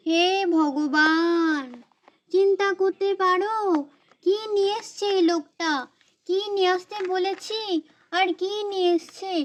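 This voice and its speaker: A fussy young village housewife from a doll story, voiced by a woman, with an extremely high, thin voice. She grumbles and scolds her way through every chore. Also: level tone, moderate pace. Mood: fussing.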